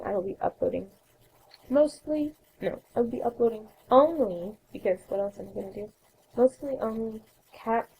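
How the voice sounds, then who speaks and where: A young woman hosting a let's play, chatting through her gameplay with a raspy voice that has a cold in it and a rambling way of correcting herself. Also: mid-range voice, warm tone, a little hiss or hum, low-quality recording. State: coughing, sore throat. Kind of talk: casual gameplay narration.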